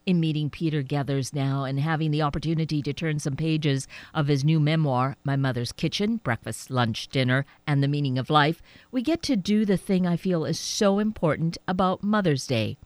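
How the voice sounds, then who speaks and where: Woman, radio host, low pitch, dry sound, enthusiastic, interview. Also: normal speed, hardly any pauses, a little mellow, dry recording.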